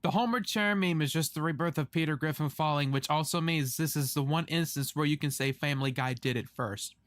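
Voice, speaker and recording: A man's voice: fairly high pitch, brisk, fairly bright tone. A man in a video giving wry, profane commentary on memes. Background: music.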